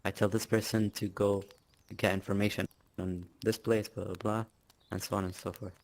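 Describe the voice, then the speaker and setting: A man's voice: fairly low pitch, flat delivery, moderate pace, a little mellow. A man answering interview questions in a casual, boastful way, with filler words and laughs. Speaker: interviewee, clan leader.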